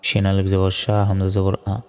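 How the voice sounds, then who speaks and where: A man with a Bangladeshi Bengali accent teaching Quran reading, patiently spelling out syllables and then reciting the verses in a drawn-out way. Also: sits low, monotone, darkish tone, big-room sound, faint music behind. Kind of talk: slow spelled-out recitation lesson.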